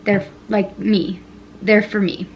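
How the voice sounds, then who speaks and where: A woman's voice: mid-range voice, little pitch movement, measured pace, lo-fi sound, slight background noise. Self-mocking woman rambling through a bake. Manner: rambling, self-mocking, talks to herself while reading a recipe. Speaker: home baking vlogger. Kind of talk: casual self-filmed baking vlog.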